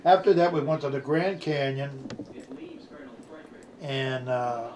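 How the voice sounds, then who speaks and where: A man's voice: mid-range voice, takes it slowly, background noise. An older man with a grandpa voice tells a casual, rambling family anecdote in a folksy, salty way. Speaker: grandfather telling family stories.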